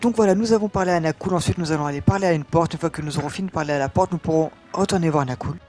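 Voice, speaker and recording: A man's voice: on the high side, rapid-fire, a little mellow, faint music behind. Guy doing a game walkthrough, chatty, rambling, voice a bit worn out. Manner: rambling, self-correcting, reads game text aloud. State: voice getting tired. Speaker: gaming video host. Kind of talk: casual game walkthrough commentary.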